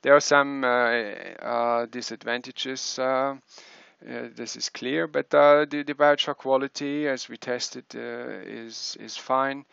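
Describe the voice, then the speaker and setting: A middle-aged man giving a conference talk over a video call from a small wood-panelled room, speaking haltingly with many fillers and restarts. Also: mid-range voice, steady tone, gravelly, a bit bright, smooth, no echo. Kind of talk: remote slide presentation. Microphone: headset on video call. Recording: muffled video call audio.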